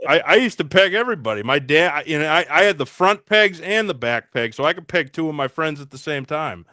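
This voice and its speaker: A man with a Massachusetts accent, chatting casually and telling a deadpan joke story on a video call. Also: fairly high pitch, fairly quick, no echo, studio quality. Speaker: guest.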